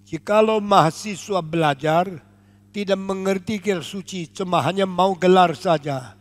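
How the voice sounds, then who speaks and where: An older man from Indonesia preaching a sermon as pastor, emphatic and deliberate, switching at times into English. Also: sits high. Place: large church auditorium. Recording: long echo of a large church hall.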